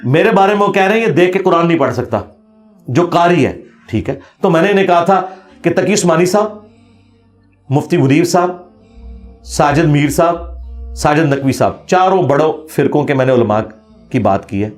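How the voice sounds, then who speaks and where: Forceful man lecturing in an echoey room. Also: fairly high pitch, expressive, faint music behind. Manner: forceful, challenging, recites Arabic slowly. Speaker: religious speaker. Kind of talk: impassioned lecture.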